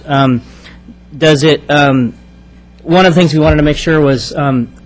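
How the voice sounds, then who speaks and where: A man's voice: on the high side, rough recording. A man on a city commission explaining a review checklist in a meeting, with many restarts, into a table microphone. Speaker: commission member. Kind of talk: public meeting discussion.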